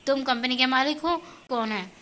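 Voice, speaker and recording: A bossy mother scolding her grown sons, read by a woman. Her voice is high and sharp, with a lot of push behind it. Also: moderate pace.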